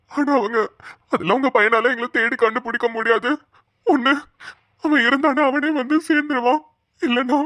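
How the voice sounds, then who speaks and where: A woman's voice: sits high, a bit bright, no echo. Woman voicing a grieving cartoon father. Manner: tearful, despairing pleading. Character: grieving middle-aged father missing his lost son. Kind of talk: cartoon voice acting.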